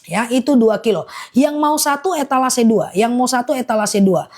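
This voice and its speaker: A woman with a slightly high voice delivering a live-selling sales pitch. She talks in a chatty, reassuring way and keeps repeating herself. At times she slows down to tick through a long list item by item. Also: a little mellow. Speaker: live-stream honey seller.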